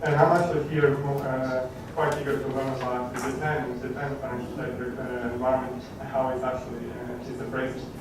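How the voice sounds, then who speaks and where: A man's voice: medium pitch, little pitch movement, fairly quick, hardly any pauses. A man from Croatia, answering audience questions at a conference in a hesitant way, with many fillers and restarts. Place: large conference hall. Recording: echoey hall from a distant mic, background noise.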